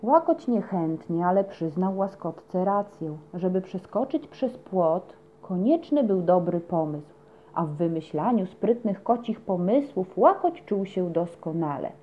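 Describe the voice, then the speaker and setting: A woman's voice: fairly low pitch, lively intonation, unhurried, a little hiss or hum. Woman reading a children's story. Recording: dull lo-fi recording.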